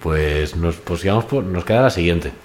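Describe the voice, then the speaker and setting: A man's voice: sits low, lively intonation, moderate pace, a little mellow, slight background noise. A man co-hosting a podcast, in casual playful banter during a made-up word game. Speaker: podcast co-host. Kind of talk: casual chat.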